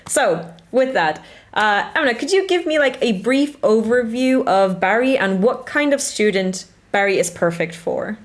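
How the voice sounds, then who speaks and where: A woman's voice: a little high, lively intonation, measured pace. A young woman hosting a casual student interview, chatty and full of "like" fillers.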